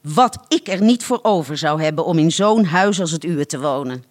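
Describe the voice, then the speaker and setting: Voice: mid-range voice, animated, natural voice. A reader doing an eager poor man. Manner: eager, quick, earnest.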